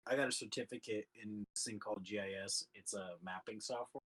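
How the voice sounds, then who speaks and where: A man's voice: fairly low pitch, a little fast, a bit bright, husky. A man in his twenties from California, chatting casually as a podcast guest, laughing often and full of fillers. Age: 20s. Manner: laid-back, laughing often, lots of fillers. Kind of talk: casual chat.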